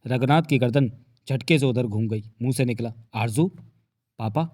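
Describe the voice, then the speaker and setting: A man's voice: mid-range voice, fairly quick, darkish tone, dry recording, studio quality. Man reading a Hindi novel dramatically. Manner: vivid storytelling. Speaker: audiobook narrator.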